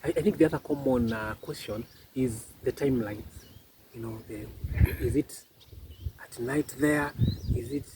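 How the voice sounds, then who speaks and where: A man's voice: medium pitch, moderate pace, noisy background. A male host in a casual interview, asking curious questions and reacting with short exclamations.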